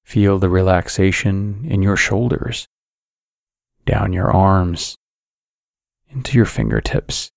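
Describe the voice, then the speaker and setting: A man narrating a scripted guided sleep meditation in a calm, soothing, measured sleep-story manner. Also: sits low, vocal fry, no echo, clean studio sound.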